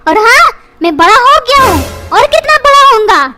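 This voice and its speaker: A woman voicing a cheeky young boy in a comic cartoon who talks back to his parents in a bossy, squeaky voice. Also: very animated, normal speed. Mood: defiant. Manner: defiant, bossy. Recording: very loud music underneath.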